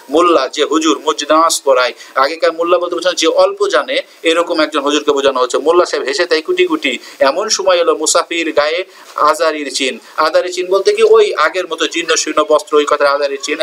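A man's voice: on the high side, fairly bright tone, slight background noise. A man teaching a poem line by line. He reads each verse, then asks and answers his own questions to explain it.

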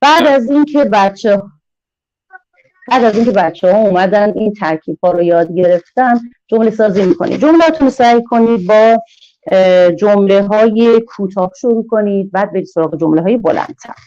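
A woman giving an online teacher-training lecture, drawing words out slowly in a sing-song teaching manner. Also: medium pitch, mellow, dull audio. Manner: slow, sing-song, drawn-out teaching delivery.

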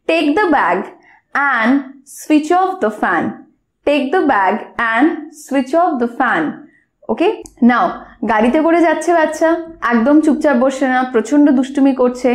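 A high-pitched woman with a Bengali accent, a native Bengali speaker teaching spoken English. She says each example sentence slowly and deliberately, word by word. The recording has a noticeable roomy echo. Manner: slow, carefully spaced example sentences.

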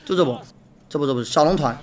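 A young man streaming live, chatting casually while watching a match and thanking viewers for gifts, repeating himself when excited. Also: on the high side, fast. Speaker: game streamer.

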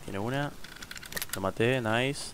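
A man's voice: mid-range voice, slow pace, very noisy. A young man with an Argentine accent giving casual, slangy live commentary on his online gameplay, talking to his chat. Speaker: streamer.

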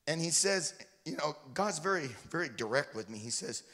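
A man's voice: fairly high pitch, animated, moderate pace, bright, forceful tone. A man, a missionary preacher, telling a folksy, joking story to his congregation during a sermon. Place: church sanctuary. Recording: reverberant church hall.

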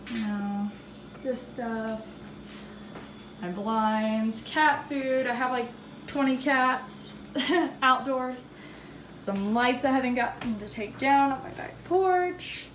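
High-voiced young woman rambling through a house tour. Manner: rambling, giggly, self-deprecating. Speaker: vlogger giving a house tour. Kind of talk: casual house-tour narration. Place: cluttered home at night, handheld phone walkthrough. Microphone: phone camera held by the walker. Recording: noisy home recording.

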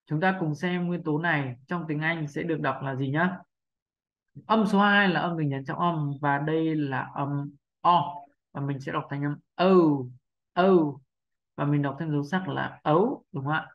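A man's voice: a little high, normal speed. A man teaching English pronunciation in a patient, explanatory way, often checking in with his listeners. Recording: muffled lo-fi recording.

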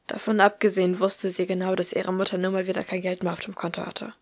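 A woman reading a story aloud as an audiobook in a calm, even manner. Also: on the low side, quick pace, no echo. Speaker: audiobook reader. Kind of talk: scripted narration of fan fiction.

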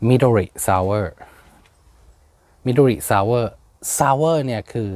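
A man talks at a slow, unhurried pace, pausing on fillers as he explains things and spells words out letter by letter. His voice sits in an ordinary middle register. The recording is dry and close, with almost no room sound. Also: medium pitch, darkish tone, no room sound. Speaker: plant channel host. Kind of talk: casual explainer vlog.

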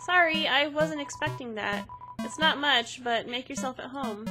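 A woman's voice: high-pitched, moderate pace, over music, voice pushed up, lightly acted. A woman voicing a shy, apologetic ghost from a game, speaking in a timid, hesitant way. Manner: timid, hesitant, self-deprecating.

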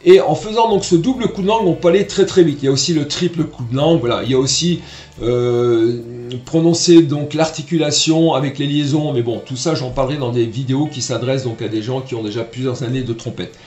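A man's voice: medium pitch, a little fast, a little mellow, roomy sound. A man teaching trumpet online, explaining tonguing patiently and sounding out syllables as he goes. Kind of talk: online music lesson.

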